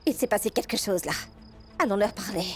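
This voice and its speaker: A woman's voice: mid-range voice, soft background music, close to an everyday voice. A woman dubbing an eager young sleuth. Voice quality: eager, brisk, inquisitive. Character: curious young woman hunting for clues. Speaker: dubbed character. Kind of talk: French dub of a TV series.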